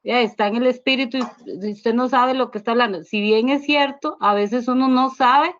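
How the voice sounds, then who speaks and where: A woman's voice: a little high, moderate pace, fairly bright tone, muffled recording, slight background noise. A woman sharing a personal church testimony in a class, telling it in a rambling way with constant tag questions.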